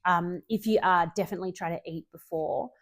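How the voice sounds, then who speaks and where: A woman's voice: on the low side, a little fast. A woman fitness coach giving a casual spoken tutorial to her clients, chatty and loose, with frequent ums and self-corrections.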